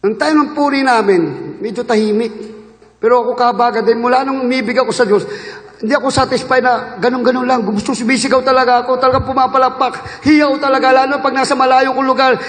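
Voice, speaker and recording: A man in his fifties, from the Philippines, preaching a fervent sermon that swings between loud shouts and quiet asides, recorded in a church hall. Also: very high-pitched, steady tone, fast. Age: 50s. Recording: echoey hall with long reverb.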